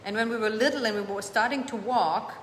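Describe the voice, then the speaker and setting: A woman's voice: fairly high pitch, a little fast, slight background noise. A woman hosting a live coaching show, answering viewer comments and urging them on with emphatic, repeated phrases. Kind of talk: motivational live-stream coaching. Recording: echoey room with long reverb, faint ambience.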